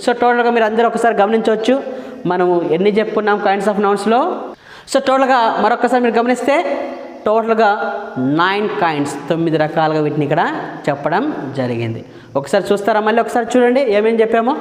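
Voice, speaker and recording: A male grammar teacher explains a lesson in a question-and-answer style, asking his listeners questions, answering them himself, and repeating key terms. He slows down to dictate English definitions. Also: sits high, expressive. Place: room with a board. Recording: echoey room with long reverb.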